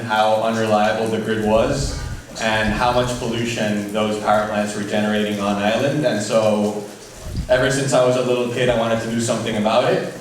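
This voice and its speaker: A man's voice: on the low side, slight background noise. Young man from Puerto Rico, echoey and distant. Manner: friendly, laughing at himself. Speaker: charity representative. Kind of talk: speech at a charity event. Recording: echoey, far from the mic.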